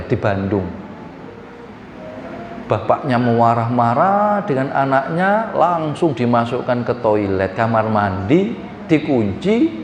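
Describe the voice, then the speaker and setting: A man preaching a sermon with an East Javanese accent, lively and joking, often acting out little voices and speaking straight to the audience. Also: medium pitch, slight background noise. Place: hall. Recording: echoey hall from far off.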